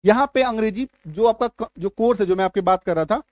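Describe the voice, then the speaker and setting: A man teaching English spelling and pronunciation in a YouTube lesson, often asking if students follow and loudly stressing key sounds. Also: high voice, fast talker, no echo, studio quality. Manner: repeats "ठीक है?" and "है ना?" to check understanding; stresses key sounds loudly, then drops back to conversational.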